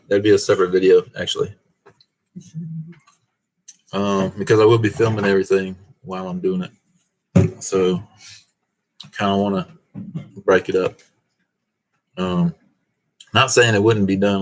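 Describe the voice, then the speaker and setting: A man's voice: sits low, flat delivery, unhurried, pauses often. A man hosting a casual live stream, reading viewer comments aloud and chuckling in a laid-back way. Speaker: host of a car channel live stream.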